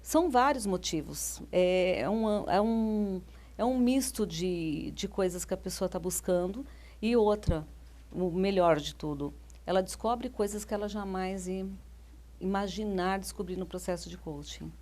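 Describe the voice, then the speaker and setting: Woman, Brazilian Portuguese accent, life coach guest, mid-pitched voice, anecdotal, quotes clients. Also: measured pace, darkish tone. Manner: anecdotal, quotes clients' words, many restarts. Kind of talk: interview answers.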